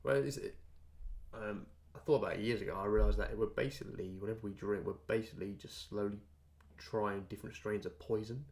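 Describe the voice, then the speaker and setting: A man's voice: lowish voice, fairly even intonation, fairly quick, a little mellow. A man in casual podcast chat, joking and sweary, and keen to explain things. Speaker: podcast co-host.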